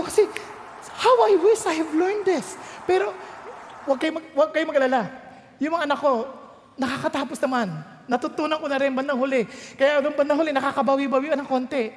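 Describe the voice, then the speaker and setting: A Filipino woman preaches a sermon with a strikingly high voice. She is animated and acts out quick scenes of parents scolding or comforting their kids. Her voice carries a long reverb, as if recorded in a big church hall. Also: a little hiss or hum.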